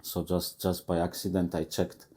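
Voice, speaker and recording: A man in his forties from Poland with a Polish accent, speaking halting non-native English as a guest in a casual interview. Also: deep voice, little pitch movement, warm tone, breathy edge. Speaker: guest tattoo artist. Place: tattoo shop.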